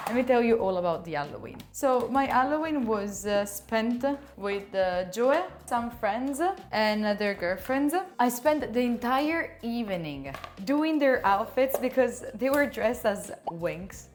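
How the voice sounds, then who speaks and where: A young woman in her twenties, chatting casually at home as a streamer, animated while she tells stories. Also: a little high, measured pace, hardly any pauses, soft background music. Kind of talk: casual vlog storytelling. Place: home kitchen.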